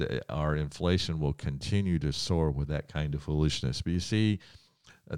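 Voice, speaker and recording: A man's voice: very deep voice, a little mellow, smooth, dry recording, clean studio sound. An American man delivering a prophecy sermon with political commentary, speaking in an emphatic, conspiratorial tone of warning. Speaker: preacher giving end-times commentary.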